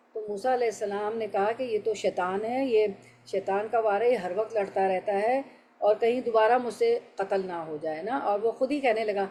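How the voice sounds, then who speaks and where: A woman's voice: a little high, warm tone, slight background noise. A middle-aged woman teaching a religious lesson, patiently explaining verses step by step and checking in with her class. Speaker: Quran teacher.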